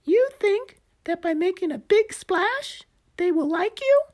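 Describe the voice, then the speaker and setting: A woman's voice: very high-pitched, animated, unhurried, a little mellow, pitched above the performer's own voice. A woman voicing an eager, cheerful little male gecko who coaches his friend in a storybook reading, chirpy and encouraging. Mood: gentle.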